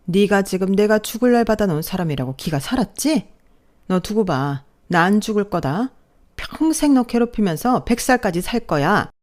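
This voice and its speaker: A woman playing a shrill, spiteful older mother-in-law. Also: animated, normal speed, darkish tone, lightly acted. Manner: scornful, shrill scolding. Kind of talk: radio drama acting.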